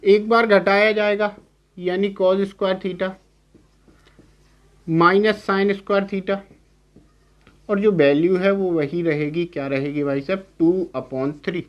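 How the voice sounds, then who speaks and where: A man's voice: high voice, fairly even intonation, takes it slowly, long pauses, highs cut off. Young man, math teacher, classroom lecture, step-by-step explaining, keeps checking in. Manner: explains step by step, asks "clear?" to check understanding.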